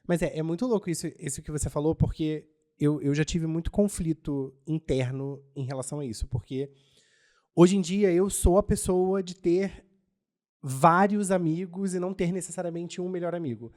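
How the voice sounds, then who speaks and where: A man co-hosting a podcast, talking in a thoughtful, relaxed and drawn-out way. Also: fairly high pitch. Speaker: podcast co-host. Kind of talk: casual podcast chat.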